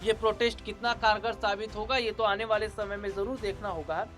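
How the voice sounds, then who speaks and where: A man's voice: high-pitched, steady tone, brisk, a bit bright. A man presenting a news report, emphatic, repeating points and asking rhetorical questions. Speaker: news anchor. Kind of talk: news commentary. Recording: faint background music.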